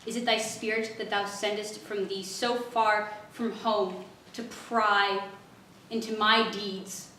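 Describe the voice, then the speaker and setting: A woman recites a sonnet in a dramatic, forceful bright voice. The hall around her is very echoey, with clear background noise. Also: mid-range voice, flat delivery, takes it slowly. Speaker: recitation contestant.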